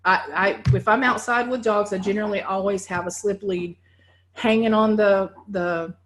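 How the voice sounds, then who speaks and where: A woman's voice: medium pitch, a little hiss or hum. A woman dog behavior trainer with a Southern US accent giving a conversational training talk to foster volunteers, often checking in with "right?". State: getting winded.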